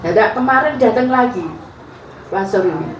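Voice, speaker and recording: A woman's voice: on the high side, animated, normal speed, muffled recording. A woman with an East Javanese accent, a political candidate giving an informal campaign speech as chatty storytelling with frequent laughs. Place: community event space. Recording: echoey, distant, noisy room.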